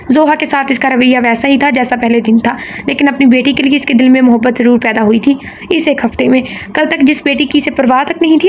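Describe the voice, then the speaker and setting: Brief: woman narrator, high voice, steady storytelling, faint hiss underneath. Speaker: audio novel narrator. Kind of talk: scripted narration.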